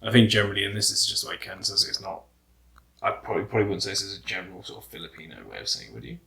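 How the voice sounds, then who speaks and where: A man's voice: fairly low pitch, sing-song, very fast, creaky, bright, forceful tone, a little hiss or hum, poor audio. A man chatting casually as the host of a video. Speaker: host of a couple's video channel. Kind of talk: casual chat.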